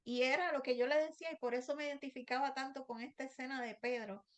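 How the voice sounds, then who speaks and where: A middle-aged woman preacher giving a devotional sermon, sharing a personal, emotional testimony with slow, repeated pleading phrases. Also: high voice, steady tone, fairly bright tone.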